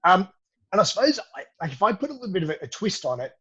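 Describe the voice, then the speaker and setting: A middle-aged Australian fitness educator with an Australian accent guests on a podcast, answering questions in an upbeat, friendly way and calling the host mate. His high, bright, husky voice swings widely in pitch and comes rapid-fire, and the recording's highs are cut off.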